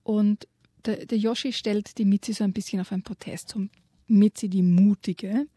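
A woman's voice: medium pitch, moderate pace, husky, dry recording, studio quality. Woman reading a children's story aloud. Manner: lively storyteller, whispers for suspense. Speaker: guest presenting a children's book.

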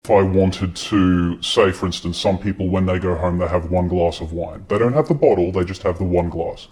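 An anonymous man from Australia speaking in a news interview, his voice disguised by pitching it down. He talks in a measured, reflective way with hesitant fillers. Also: darkish tone. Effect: voice disguised, pitched down to sound deep.

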